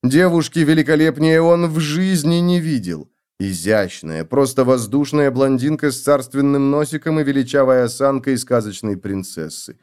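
Male audiobook narrator, mid-pitched, measured and expressive delivery. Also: clear, resonant tone. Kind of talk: scripted narration.

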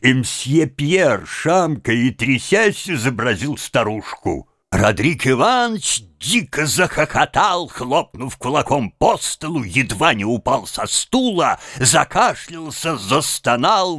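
A man narrates a literary novel as an audiobook, reading in a measured, expressive way. His voice is mid-range, and the recording is clean studio sound with no room sound.

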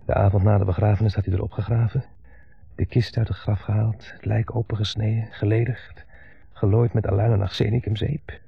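A man's voice: fairly low pitch, level tone, fairly quick, dry recording, exaggerated voice. An actor playing a bitter grown son dominated by his mother, delivering a brooding, intense monologue in a 1970s radio play. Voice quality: gravelly, husky. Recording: dull 1970s radio broadcast.

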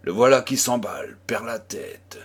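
A man reading a classic novel aloud as an audiobook narrator, in a measured storytelling manner. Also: medium pitch, husky. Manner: slow, measured reading, voicing dialogue with small shifts. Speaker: audiobook reader.

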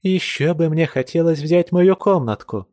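Guy doing a coy teasing young village girl, voice pushed up high, dry close sound. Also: expressive, moderate pace, a little mellow, no room sound, lightly acted. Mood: girlish, playful.

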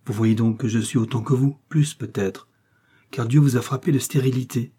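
A man's voice: medium pitch, steady tone, moderate pace, mellow, breathy edge, close to an everyday voice. A man reading aloud, voicing a proud, jealous exiled queen who speaks brusquely and haughtily. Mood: haughty.

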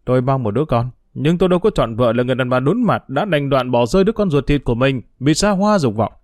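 A man's voice: medium pitch, lively intonation, quick pace, darkish tone, dry recording, studio quality, lightly acted. A man reading a story aloud and voicing an angry, reproachful man who accuses a woman. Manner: harsh, reproachful.

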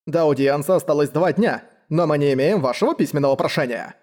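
A man's voice: on the high side, quick pace, a little mellow, lightly acted. A man voicing a pompous, fussy male official who talks in stiff bureaucratic phrases in an audiobook. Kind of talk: audiobook character voice.

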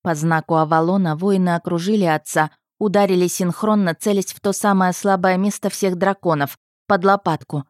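A woman narrating a first-person fantasy audiobook in a measured, tense manner. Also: lowish voice, steady tone, a little mellow, dry recording, studio quality.

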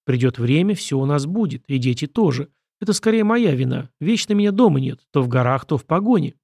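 A man's voice: a little high, lively intonation, creaky, darkish tone, husky, no room sound, studio quality, exaggerated voice. A man reading the part of a witty, easygoing young prince with a wry manner. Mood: tender. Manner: wry, quick-witted.

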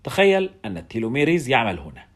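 A man's voice: medium pitch, wildly swooping pitch, rapid-fire. A man doing a wry, guarded lab doctor. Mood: casual. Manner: casual, dryly sarcastic.

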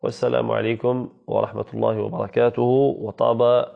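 A man teaching recitation rules in a gravelly voice, patiently repeating key phrases and demonstrating pronunciation. He answers student questions one by one. The audio is dull and lo-fi, like an online class. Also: medium pitch, level tone, brisk.

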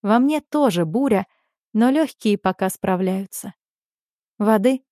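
A woman reads a first-person audiobook in a calm, even, reflective voice at a middle pitch. The recording is close and dry, with no trace of room echo. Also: unhurried. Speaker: audiobook narrator.

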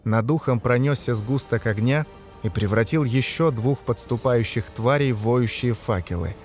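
A man's voice: medium pitch, normal speed, soft background music. Man narrating a grim fantasy audiobook. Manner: voices characters by shouting their lines. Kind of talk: scripted narration.

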